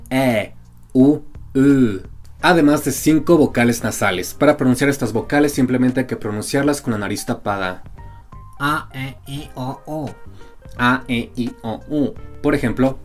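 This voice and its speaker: A man's voice: medium pitch, faint music behind. Man explaining Portuguese sounds. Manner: slowly sounds out letters and example words. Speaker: language teacher on a video channel. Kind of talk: scripted educational narration.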